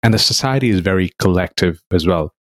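A man from Nepal hosts a podcast in easy conversation. His voice is very low and sits dry and close to the mic, with an agreeable manner. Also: lively intonation, fairly quick, no room sound. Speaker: podcast host. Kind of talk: casual conversation.

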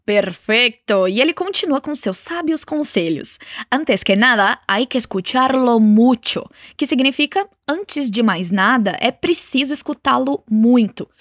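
A woman teaching a language lesson, encouraging and clear, slowing down to model phrases for the listener to repeat. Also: a little high, expressive, no room sound, studio quality. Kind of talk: spoken language lesson with repeat-after-me drills.

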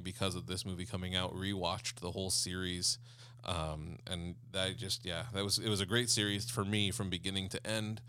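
A man's voice: deep voice, pushed and bright, clean tone. A man co-hosting an entertainment podcast in casual chat, talking eagerly and earnestly with frequent fillers. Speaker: podcast co-host.

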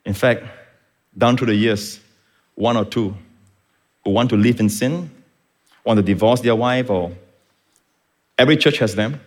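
A man preaching a sermon, teaching calmly and then rising to impassioned shouts. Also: fairly low pitch, unhurried, long pauses. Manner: teaching, explains Greek words. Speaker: pastor.

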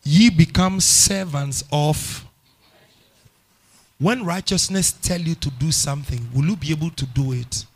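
A middle-aged man preaching with a Ghanaian English accent and a slightly high voice. He repeats lines for emphasis and moves between quiet, low passages and loud outbursts. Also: unhurried, husky. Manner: emphatic, repeats phrases, swings from hushed to loud. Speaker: pastor. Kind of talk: sermon.

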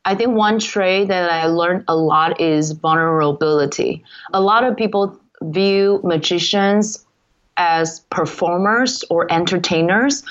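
Woman guest from Taiwan, second-language English, earnest and reflective, lowish voice, muffled lo-fi audio. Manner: earnest, reflective, non-native phrasing. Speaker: guest, entrepreneur. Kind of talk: interview answers. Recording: dull lo-fi audio.

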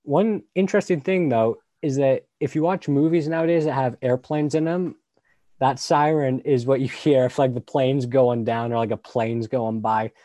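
A man's voice: medium pitch, fairly even intonation, moderate pace, warm tone, no room sound. A young man talking casually in a group discussion, using lots of "like" and fillers. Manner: casual, filler-heavy, says "like" often.

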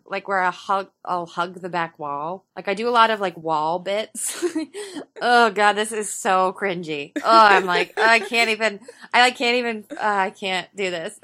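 A young woman comedian chatting in an interview, animated and self-deprecating, full of fillers and quoted asides. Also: medium pitch. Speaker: improv comedian guest. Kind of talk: casual interview chat.

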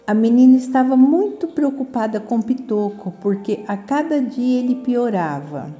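Older Brazilian woman, children's storyteller, gentle and didactic, very soft dark tone, echoey room. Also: on the high side, animated, normal speed, lo-fi sound, soft background music. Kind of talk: scripted children's story narration.

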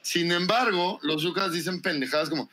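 A man with a Mexican Spanish accent trades podcast banter, pausing often as he searches for words. His voice sits a little high and has a bright, sharp edge. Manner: hesitant, trails off searching for words. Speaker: podcast co-host. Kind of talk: casual chat.

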